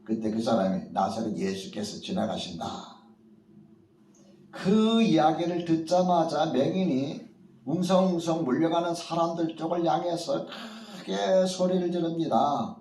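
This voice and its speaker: A man's voice: fairly high pitch, lively intonation, a little slow, warm tone, slight background noise. Man preaching in an echoey church. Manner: storytelling preacher who acts out quoted voices. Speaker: pastor. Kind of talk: sermon. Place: church at a morning prayer meeting. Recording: echoey church hall from far off.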